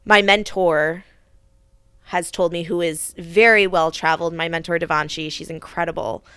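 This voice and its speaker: A woman's voice: fairly low pitch, pushed and bright, clean tone, no room sound, clean studio sound. A young adult woman hosting a podcast, telling a personal story in an earnest, reflective way with frequent restarts. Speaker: podcast host.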